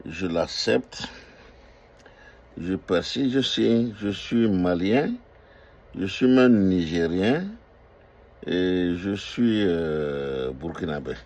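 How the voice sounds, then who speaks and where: A man's voice: sits low, animated, extremely slow, pauses often, a little mellow. An older man who owns restaurants, giving an impassioned political monologue full of emphatic, repeated declarations and hesitant fillers. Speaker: restaurant owner speaking out on politics.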